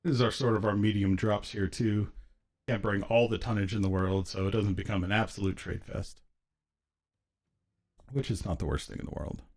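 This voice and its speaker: A man's voice: fairly low pitch, fairly even intonation, normal speed, darkish tone. A man casually commentating a live game match in a laid-back way, his voice echoing with reverb.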